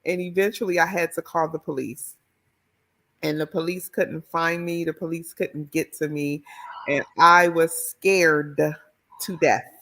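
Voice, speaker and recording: A woman's voice: low voice, a little slow. A middle-aged woman from the Washington, D.C. area, an author and educator telling her story in an interview. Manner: expressive, animated storyteller.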